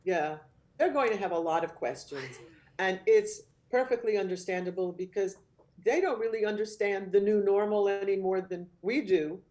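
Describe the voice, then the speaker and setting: Woman, child care trainer, mellow warm tone, calm earnest teaching webcast. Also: mid-range voice. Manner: calm, earnest explanatory delivery with gentle modeled phrases. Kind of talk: instructional webcast talk.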